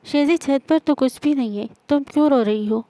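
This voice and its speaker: A woman's voice: sits high, warm tone, no room sound, natural voice. A woman reading the lines of a protective young man who teases and shields his sister. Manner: brusque, protective. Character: young man, teasing protective older brother.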